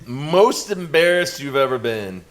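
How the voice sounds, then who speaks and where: A man's voice: mid-range voice, a little slow, crowd noise. A man co-hosting a podcast, telling crude stories and teasing his partner in casual chat. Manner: crude, teasing, animated storyteller. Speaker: podcast co-host, promoter.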